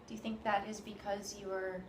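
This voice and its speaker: A woman's voice: medium pitch, fairly quick. Attentive woman interviewer in an echoey room. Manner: attentive, asks gentle questions, frequent soft backchannels. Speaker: interviewer, violinist. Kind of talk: casual interview. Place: room in New York. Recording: roomy sound with steady background noise.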